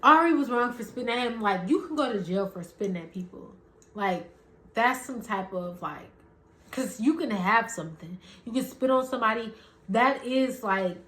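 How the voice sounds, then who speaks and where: A woman's voice: mid-range voice, animated, normal speed, fairly bright tone, roomy sound. A woman podcast host, casually recounting gossip in a chatty way, hedging as she retells an argument.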